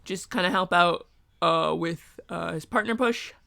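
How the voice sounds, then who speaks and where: A woman's voice: lowish voice, a little slow, gravelly, pushed and bright. A tired woman streaming live, chatting casually and thinking aloud with lots of ums and uhs. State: tired, sleepy. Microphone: streaming mic.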